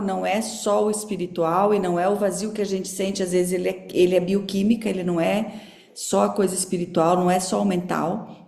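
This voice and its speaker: A woman's voice: medium pitch, creaky, a little mellow. Brazilian woman teacher, casual chatty delivery, online class, roomy echo. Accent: Brazilian Portuguese. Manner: casual, chatty, with many fillers. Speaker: course teacher.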